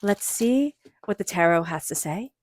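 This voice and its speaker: A woman with a stuffy cold, her voice lowish and expressive, gives a spiritual tarot reading. She is gentle and meandering, slowing down into soft chanted invocations.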